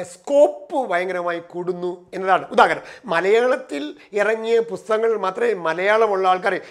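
A middle-aged man from Kerala gives a motivational career talk with a notably high voice. He moves through numbered points, speeding up and then slowing down to stress key phrases. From Kerala, India. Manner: numbered points, shifting between quick runs and slow stressed phrases. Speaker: career trainer and personal coach.

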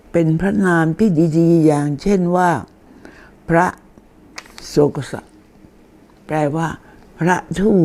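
Here an older woman with a low, mellow voice offers an easygoing lesson about deity names. Her explanations are slow, and she reads the names aloud as she goes.

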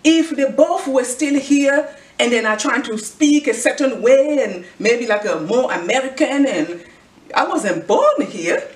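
A middle-aged woman from the Congo, Central Africa, talks to camera in a high-pitched, animated voice, a little slow, with a Congolese accent. A fashion vlogger and clothing designer, she gives an earnest, preachy motivational speech, often repeating a rhetorical question. A far camera records her in an echoey indoor room with a clothing rack.

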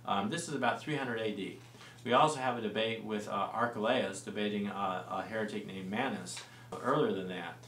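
A man in his forties with a fairly low voice talks through church history in a relaxed, explanatory way, often pausing on fillers and restarting phrases. He sounds a little distant from the mic in a roomy space, with a faint hiss behind him. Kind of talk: explanatory studio discussion. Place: small studio set with lamp and plants.

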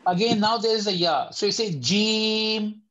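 A man teaching a beginners' lesson online, patiently correcting students and slowly demonstrating each sound. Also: high voice, fairly bright tone. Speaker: Tajweed teacher. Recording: slightly dull lo-fi audio.

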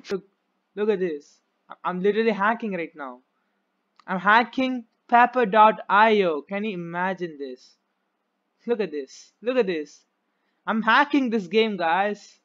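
A young man with a Tamil accent giving excitable gameplay commentary as a gaming YouTuber, repeating phrases rapidly. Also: high-pitched, muffled recording.

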